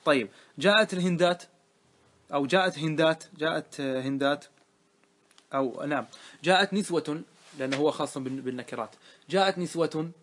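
A man's voice: on the high side, a little fast, long pauses, a bit bright. Man quizzing his grammar class. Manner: quizzing students with repeated questions. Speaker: teacher of Arabic grammar. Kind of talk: classroom lesson.

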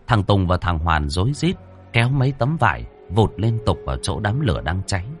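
A man narrating a ghost story in an expressive storytelling manner. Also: low-pitched, fairly quick, faint music behind.

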